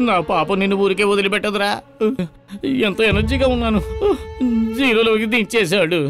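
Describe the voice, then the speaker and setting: A man's voice: high voice, steady tone, brisk, close to an everyday voice. An actor playing an exasperated, short-tempered psychiatrist who scolds his patient on the phone. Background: film score music.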